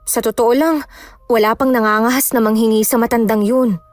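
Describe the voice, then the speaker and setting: A woman playing a caring young woman who calmly reassures her friend in a horror audio drama. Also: a little high, a little fast, no room sound, close to an everyday voice. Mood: reassuring. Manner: reassuring and sensible.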